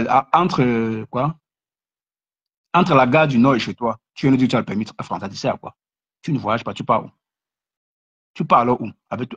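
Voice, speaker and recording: A man's voice: a bit bright, husky. A man ranting and mocking other creators on a casual live stream, repeating himself and stammering through restarts. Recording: muffled low-fidelity live stream.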